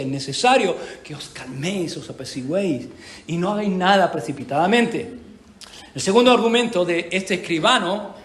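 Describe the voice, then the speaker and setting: A man preaching a sermon in church, animated, with rhetorical questions and emphatic repetition. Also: fairly high pitch. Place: church hall. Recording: echoey church hall.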